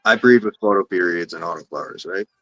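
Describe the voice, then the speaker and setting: A man's voice: deep voice, fast, a bit bright, no echo, lo-fi sound, faint music behind. A man with a Canadian accent, a guest on a casual live stream, talking in rambling, self-correcting runs and swearing casually. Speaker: guest cannabis breeder.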